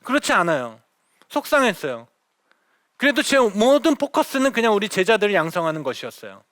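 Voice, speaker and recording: A middle-aged man, a missionary, telling stories to an audience in a lively lecture, acting out the dialogue. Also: high-pitched, a little fast, no echo, studio quality. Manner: animated storyteller, acts out quoted dialogue.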